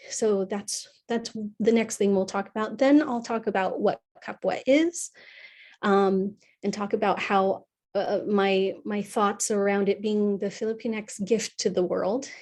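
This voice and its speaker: A young woman from California, a psychotherapist presenting an online workshop in an earnest, warm way, with many fillers and restarts. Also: mid-range voice. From California, USA. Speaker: psychotherapist leading a wellness workshop. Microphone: video call.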